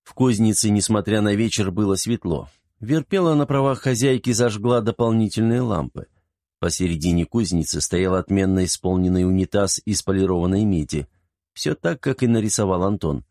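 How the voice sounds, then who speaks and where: A man narrating an audiobook story in a calm, steady manner. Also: fairly low pitch, moderate pace, dry recording, clean studio sound. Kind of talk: scripted narration.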